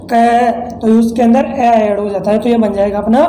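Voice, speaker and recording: A man's voice: high-pitched, fairly even intonation, normal speed, warm tone, reverberant, a little hiss or hum, low-quality recording. A man from India teaching English pronunciation in a lesson, explaining step by step and answering his own questions. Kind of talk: classroom-style lesson explanation.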